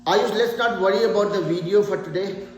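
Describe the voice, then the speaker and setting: A man in his forties teaches math to a live class, patiently repeating points and asking students questions to check in. His voice sits high for a man, and he talks a little fast. The room is echoey with a long reverb and faint background noise.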